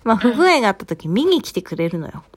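A woman's voice: a little high, fast talker. A woman in her thirties, co-hosting a casual podcast chat and telling stories with frequent laughs. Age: 30s. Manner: animated storyteller, laughs often. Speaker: podcast co-host.

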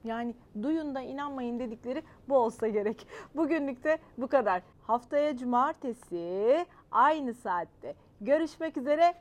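A woman hosting a children's show, reading a story aloud expressively and talking gently to young listeners. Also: high voice, expressive, normal speed, few pauses. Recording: long hall reverb.

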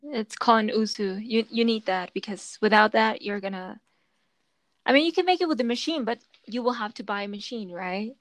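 A woman hosts a casual podcast chat, explaining things at length in a chatty way full of fillers and restarts. Her voice is a little high and she talks a little fast. There's no echo on the recording.

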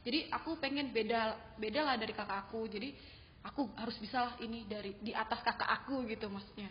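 A young woman student chats casually about her own story, her voice sitting somewhat high. She slips into animated quoted lines as she tells it. The recording is muffled, with a long reverb and a faint hiss behind it. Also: fast talker. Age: young adult. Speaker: university student guest. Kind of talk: casual interview chat. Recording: dull sound with long reverb and faint noise.

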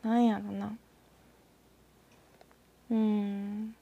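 A woman from northern Osaka with a Kansai accent, talking alone in a rambling, reflective way and often trailing off into soft asides. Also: medium pitch, flat delivery, very slow, creaky, no echo, highs cut off. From northern Osaka, Japan. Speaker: podcaster. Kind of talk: casual solo talk with a short reading.

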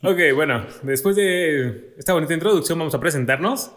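Mexican male podcast host, joking, slightly high voice. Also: lively intonation, brisk. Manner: jokey, laughs often. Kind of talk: casual podcast banter and reading.

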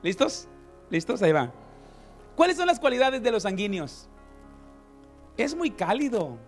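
A man preaching a lively sermon, acting out everyday scenes and calling his listeners brother. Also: sits high, unhurried, faint music behind.

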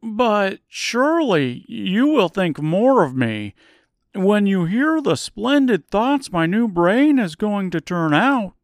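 Eager straw scarecrow, loud and high-pitched, voiced by a male narrator, storybook reading, dry sound. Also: very animated, slow, no echo, exaggerated voice. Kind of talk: audiobook character voice.

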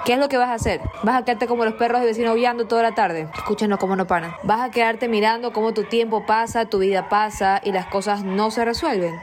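A woman's voice: medium pitch, noisy background. A woman in her thirties, a nutritionist, giving a motivational monologue full of rhetorical questions and mimicked excuses. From Latin America. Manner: emphatic, rhetorical questions, acts out patients' whiny excuses.

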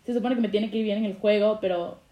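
A young woman talks casually and rambles with hesitations. Her voice is mellow and warm. The sound comes from an echoey room. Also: mid-range voice, steady tone, quick pace. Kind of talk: casual chat.

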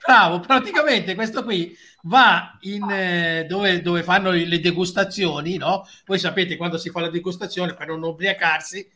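A man's voice: sits high, fairly even intonation, normal speed, hardly any pauses, pushed and bright. A man hosting a casual live talk show, teasing and prodding his guests.

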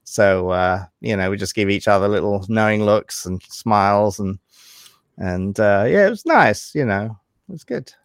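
A man's voice: lowish voice, lively intonation, moderate pace, smooth, dry recording, studio quality. A man, a puppeteer guest, chatting easily in an interview with many fillers. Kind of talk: casual interview chat.

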